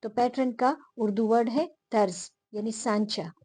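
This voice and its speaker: A woman teacher explaining a lesson to her viewers, repeating the key terms slowly and pausing often with fillers. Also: fairly high pitch, warm tone, dry recording. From Pakistan.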